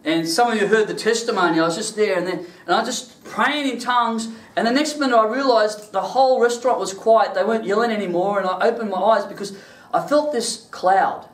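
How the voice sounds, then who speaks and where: Man, preacher, high voice, animated storytelling, echoey room, set back from the mic. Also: fairly quick, few pauses, far from the mic. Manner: animated storytelling, laughs through his stories. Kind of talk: sermon with personal testimony.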